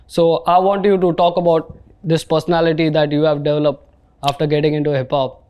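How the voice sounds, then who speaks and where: A man's voice: a little high, little pitch movement, brisk, clean tone, lo-fi sound. A man hosting a casual podcast interview in an informal, slangy way. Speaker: podcast host.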